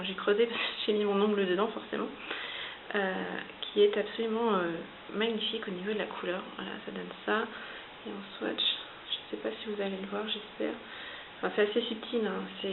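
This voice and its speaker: A French woman reviewing makeup in a chatty, hesitant way. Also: mid-range voice. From France. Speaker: beauty vlogger. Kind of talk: casual product review. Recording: hissy lo-fi home video, phone-like.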